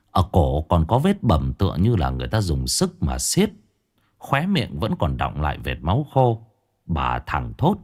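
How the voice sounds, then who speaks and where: A man narrating a ghost story with a dramatic, swinging delivery. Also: fairly low pitch.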